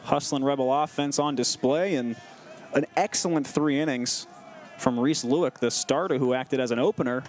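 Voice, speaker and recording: A man's voice: medium pitch, normal speed, darkish tone. A man doing live baseball commentary and play-by-play from an outdoor ballpark.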